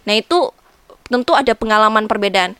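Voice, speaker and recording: A woman who grew up speaking Hokkien, telling personal stories in a casual, animated interview style, often repeating her phrases. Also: medium pitch, a little fast, clean tone, dry recording. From Indonesia. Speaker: interview guest.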